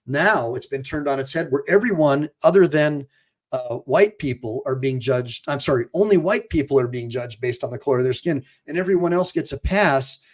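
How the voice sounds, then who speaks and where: An attorney hosts a casual livestream, talking straight to his viewers and reading the chat aloud. His voice is mid-range, expressive and at a normal speed, and he repeats points emphatically with fillers and restarts.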